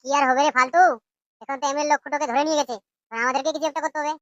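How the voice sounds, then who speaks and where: A man voicing a sly young male friend in a comic cartoon, talking in a fast, wheedling way. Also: very high voice, steady tone, a bit bright, no room sound, muffled recording.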